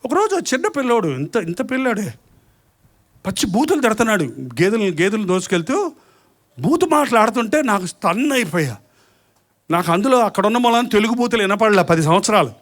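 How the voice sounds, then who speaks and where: A man preaches in a very high voice. He keeps asking the congregation questions, and he acts out both sides of quarrels as he makes his points. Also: very animated, a little fast, a bit bright. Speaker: pastor. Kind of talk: sermon.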